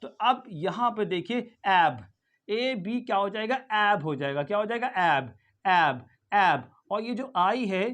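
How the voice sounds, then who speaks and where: A man's voice: sits high, expressive, a little slow, a bit bright. A man with an Indian accent teaching English pronunciation, who asks his own questions, answers them and repeats each word again and again. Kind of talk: classroom-style lesson.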